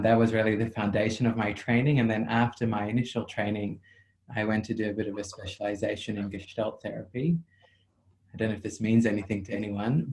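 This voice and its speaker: A male psychotherapist with a South African accent answers interview questions over a video call, measured and reflective, often saying "um." His voice is lowish and darkish, and the recording quality is rough.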